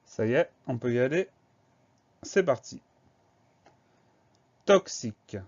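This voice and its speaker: A man's voice: medium pitch, expressive, moderate pace, a little mellow, highs cut off. A man teaching a spelling lesson, patiently spelling words out letter by letter.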